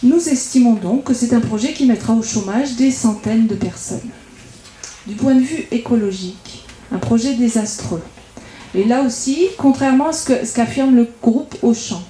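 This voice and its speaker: Speaking at a public debate in an echoey indoor meeting room, a woman from France with a French accent presents a prepared political speech as a local campaigner. Her voice is warm, somewhat high and at a normal pace. She builds her argument methodically, counting off each point.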